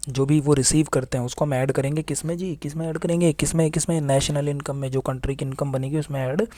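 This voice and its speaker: A young male teacher gives a casual classroom lecture in a warm, mellow voice. He keeps asking his students questions and answering them himself. The sound is close and dry, with little room in it. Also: on the high side, steady tone, fast, no room sound.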